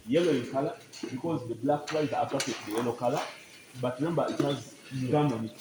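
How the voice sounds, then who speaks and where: Man explaining dairy farming in a noisy barn. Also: mid-range voice. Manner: explanatory, keeps checking "you get my point?". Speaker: farm guide. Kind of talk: explaining on a farm tour. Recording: noisy farm barn recording.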